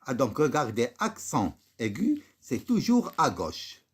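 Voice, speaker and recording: A man with a Moroccan accent teaching French, slowly going through a text and pointing out each accented word. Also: medium pitch, huge pitch swings, husky. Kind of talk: classroom lesson explaining French accents.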